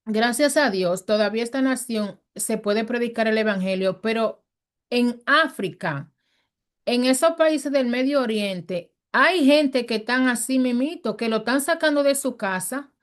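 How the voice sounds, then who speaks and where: A woman's voice: a little high, a little slow. A woman teaching a Bible study in a conversational sermon style, earnest and emphatic. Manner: earnest and emphatic, acts out quoted speech.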